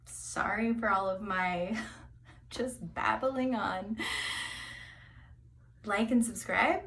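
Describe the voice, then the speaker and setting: A woman's voice: medium pitch, very slow, fairly bright tone. Young woman babbling through a hair tutorial, lots of ums, mid voice, bit far from the mic. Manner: chatty and rambling, many fillers, drops into whispers. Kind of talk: casual rambling tutorial chat.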